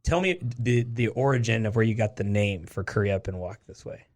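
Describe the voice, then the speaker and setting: A man from Oregon hosting a casual interview, chatty and encouraging, with lots of quick affirmations. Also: fairly low pitch, darkish tone. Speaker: podcast host.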